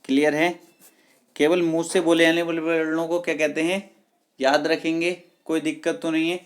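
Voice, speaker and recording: A teacher giving an online exam-prep lesson, repeating key words slowly and checking with the class whether it is clear. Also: medium pitch. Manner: addresses viewers as friends, patient and repetitive.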